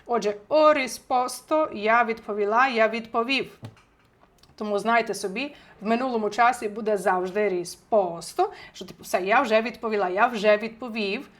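A woman teaching an online language lesson from home, chatty and lively, talking straight to her viewers, a little under the weather. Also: a little high, moderate pace. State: recovering from illness, clears throat. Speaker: Italian teacher. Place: home, indoors.

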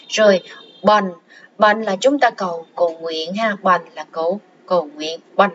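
A woman with a slightly high voice teaches a language lesson, going through song lyrics one word at a time. She repeats each term slowly and patiently, with plenty of fillers. The recording is dull and lo-fi with a faint hiss behind her.

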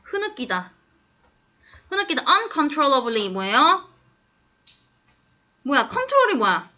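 A woman teacher's voice, high and bright, walks a class through an English passage. She coaxes the students and keeps checking whether they follow. The recording is dull and lo-fi, as if captured in the classroom. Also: sing-song, slow. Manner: coaxing, keeps asking the class if they understand. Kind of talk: classroom lesson explaining an English text.

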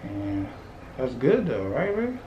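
A man's voice: medium pitch, wildly swooping pitch, slow, reverberant, highs cut off, slight background noise. A man hosting a prank vlog, whispering to the camera at first, then teasing his partner in playful slang. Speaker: prank channel vlogger.

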